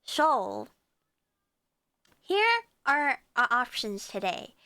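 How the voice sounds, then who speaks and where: A woman's voice: fairly high pitch, wildly swooping pitch, extremely slow, sharp tone, smooth, no room sound, clean studio sound. A woman chatting to viewers as a livestream host, with a cute, bubbly anime-streamer manner and a playful, rambling way of talking. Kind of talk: livestream casual chat with viewers.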